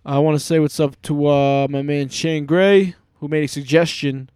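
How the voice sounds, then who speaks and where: A man hosts a podcast in easygoing chat, his voice a touch high and smooth. He rambles, stalls on fillers and swears freely. The sound is dry and close. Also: steady tone, darkish tone, no echo. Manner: rambling, halting, with fillers and profanity. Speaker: podcast host. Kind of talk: casual chat.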